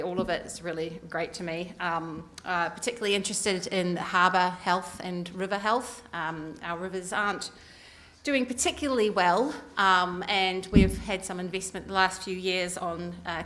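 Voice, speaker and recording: In a community hall meeting room, a middle-aged woman with a New Zealand accent gives an earnest campaign speech as a council election candidate. Her voice is fairly low yet fairly bright, and she uses many ums and uhs.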